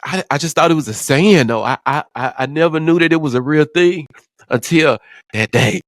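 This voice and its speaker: A man's voice: on the high side, lively intonation, normal speed, fairly bright tone, no room sound. A man speaking as a vlogger, telling a personal story with emotion, near tears at times. He talks frankly and with profanity, stumbling and repeating words as he goes.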